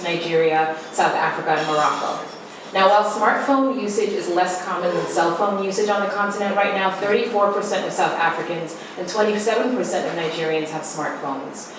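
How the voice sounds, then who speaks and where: A low-voiced woman reads out statistics in a measured, scripted presentation. She sounds distant in a very reverberant hall, with clear room noise behind her. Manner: reading statistics in a measured delivery. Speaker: event presenter. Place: large echoey event room indoors. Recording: echoey hall from far off.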